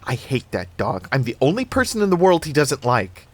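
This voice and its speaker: A man's voice: medium pitch, wildly swooping pitch, moderate pace, pitched above the performer's own voice. A man reading aloud and voicing a blunt, mocking teenage girl. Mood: sarcastic. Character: crude, sarcastic teenage girl.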